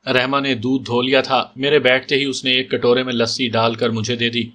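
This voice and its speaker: Calm male audiobook narrator. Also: mid-range voice. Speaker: storyteller.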